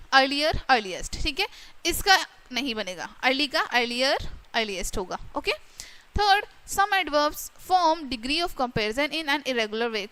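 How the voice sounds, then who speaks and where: Indian woman teacher, high clear voice, unhurried, careful reading, checks in often. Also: bright, forceful tone. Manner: slow English reading, quicker Hindi explanation, frequent checks like "theek hai?". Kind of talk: grammar lesson explaining a textbook.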